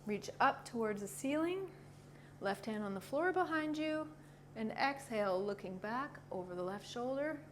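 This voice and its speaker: Woman yoga instructor, clear background noise. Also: on the high side, lively intonation, moderate pace. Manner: gentle, encouraging, informal. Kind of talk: guided yoga instruction, short calm cues. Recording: clearly noisy ambient background.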